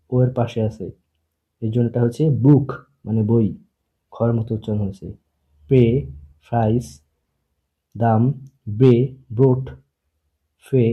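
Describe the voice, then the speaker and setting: A man teaching a beginner German class, slowly and patiently repeating each sound for his students to practice. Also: mid-range voice. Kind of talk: online language lesson. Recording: husky voice over a tinny phone-like line.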